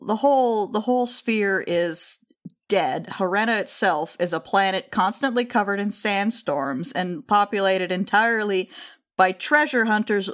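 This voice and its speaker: Woman game master narrating a tabletop game. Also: medium pitch.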